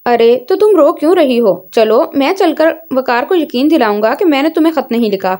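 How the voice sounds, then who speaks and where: Devoted young soldier in a storybook, as a woman narrator reads him, soft and earnest. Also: high voice, animated, fairly quick. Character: young male army officer, gentle and devoted.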